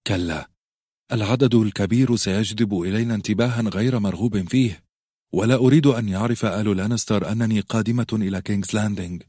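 A man's voice: fairly low pitch, quick pace, warm tone, breathy edge, no room sound, clean studio sound. A man voicing a resolute noblewoman who speaks firmly and decisively. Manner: firm, decisive. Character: resolute noblewoman mother, firm.

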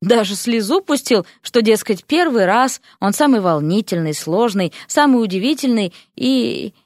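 Woman narrator, audiobook reading, fairly high voice, dry close sound. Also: expressive, moderate pace, a little mellow, dry recording. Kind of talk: expressive fantasy audiobook reading.

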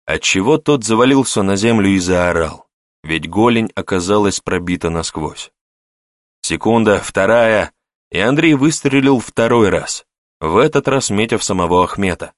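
Male audiobook narrator, low and measured, dry studio read. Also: no echo. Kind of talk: scripted narration.

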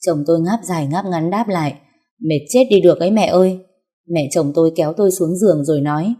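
Calm low-voiced woman storyteller. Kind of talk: first-person audio story narration.

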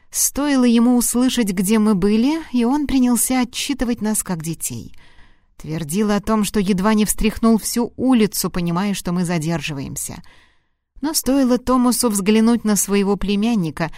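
A woman reads a first-person novel aloud in a scripted audiobook style, voicing the dialogue expressively. Her pitch sits in a middle range, and the recording is dry and close. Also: mellow, no echo. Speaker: audiobook reader.

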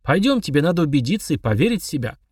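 A man's voice: on the high side, very animated, husky, no echo, studio quality. Tekui, a man voicing a solemn old dwarf elder. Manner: solemn, unhurried, proverb-like speech. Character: wise gentle old male dwarf elder.

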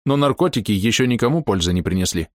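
A man's voice: on the low side, lively intonation, quick pace, a little mellow, dry recording, clean studio sound, voice pushed up, close to an everyday voice. A man reading an audiobook, voicing an elderly army marshal who gives a formal, lecturing report. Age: older.

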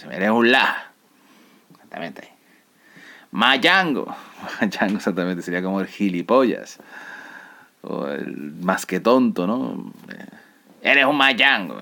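A podcast host speaks with a Canarian Spanish accent and walks through island slang one word at a time. His voice is fairly low but has a bright, forceful edge. Between words he often slips into quiet, half-whispered asides. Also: vocal fry. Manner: lively, drops often into near-whispered asides. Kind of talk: casual explanation of local slang.

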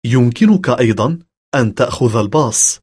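A man reading scripted phrasebook lines for a language lesson in a measured, instructional way. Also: medium pitch, animated, darkish tone, husky.

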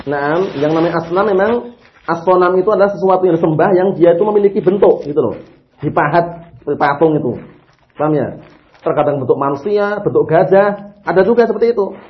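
A man teaching a religious text, lively, posing rhetorical questions and answering them himself. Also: on the high side, a little hiss or hum. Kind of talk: explaining a religious text to a class. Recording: dull lo-fi audio recording.

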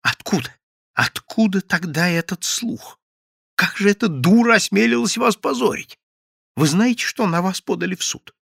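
A jittery, desperate clerk , as an audiobook reader acts him out, his voice leaping up and down as he pleads and urges. Bright, gravelly and recorded dry and close. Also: sits high, animated, moderate pace, no room sound, pitched above the performer's own voice, full character voice. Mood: agitated. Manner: agitated, pleading, urgent. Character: anxious middle-aged male clerk, panicky.

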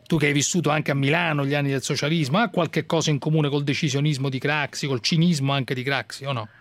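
A man's voice: on the high side, fairly even intonation, fast talker, no room sound. A man hosting a radio talk show, teasing his guest and pressing him with repeated questions. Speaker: radio host. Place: radio studio.

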